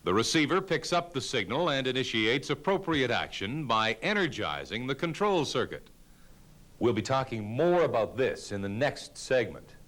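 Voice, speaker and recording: Man narrating technical training, lively intonation. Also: medium pitch, normal speed. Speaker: technical instructor.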